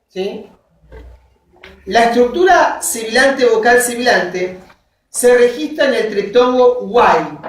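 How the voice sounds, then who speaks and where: A university teacher giving a linguistics lecture, dictating from notes, spelling out examples word by word and checking in with short questions to the class. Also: medium pitch. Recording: very echoey classroom, voice from far off.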